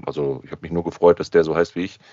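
A man's voice: low voice, flat delivery, very fast, warm tone, dry recording. A man hosting a casual podcast chat, chatty and jokey, thinking aloud as he goes. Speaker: podcast host. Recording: dull lo-fi sound.

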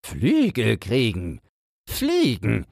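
A man's voice: fairly low pitch, huge pitch swings, extremely slow, gravelly, a little mellow, husky, no echo, studio quality, voice pushed up, heavily acted. A man voicing a pompous, easily offended little male dung beetle in a storybook reading. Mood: scornful.

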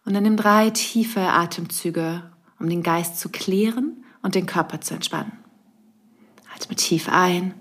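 Low-voiced woman guiding a slow meditation. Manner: slow, soothing, pausing, with breathy exhales. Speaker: podcast host. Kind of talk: guided meditation narration, like a sleep story narrator.

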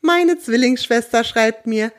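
Eine Frau als gutmütige, plaudernde Nachbarin. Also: female voice, a little high, measured pace, lightly acted. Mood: warm. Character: kindly middle-aged woman, pigeon keeper.

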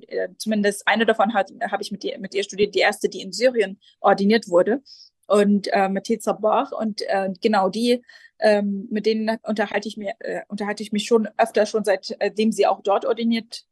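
A Lutheran pastor in her twenties from Jerusalem gives casual answers as an interview guest, often hesitating and restarting sentences as she searches for words. Her voice sits at an average pitch, and the recording is dry with no room echo.

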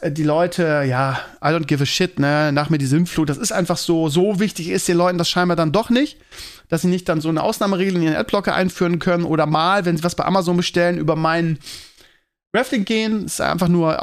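A man hosting his own podcast, talking casually to his listeners and rambling with lots of fillers and tag questions. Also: sits high. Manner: rambling, many fillers and "ne?" tags. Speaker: podcast host and teacher.

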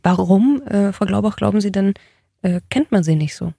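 A woman's voice: mid-range voice, animated, normal speed, creaky, warm tone, breathy edge, no room sound. A woman speaking as a public radio host in a studio, welcoming guests politely and putting questions to them conversationally.

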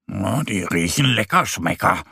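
A man voicing a sleepy, stubborn little bear boy in a children's story, slow and grumbly. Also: on the low side, very animated, gravelly, sharp tone, breathy edge, heavily acted. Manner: drowsy, grumbly.

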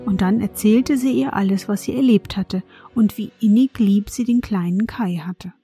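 A woman hosting a fairy-tale podcast, telling a bedtime story in a soft, gentle whisper, speaking to a child. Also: mid-range voice, moderate pace, faint music behind.

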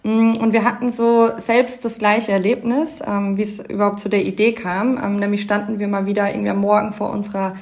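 A woman in her thirties, a company co-founder, telling a story in a relaxed podcast chat with many fillers. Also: medium pitch, brisk, few pauses. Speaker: fashion label co-founder, guest. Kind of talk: casual podcast interview.

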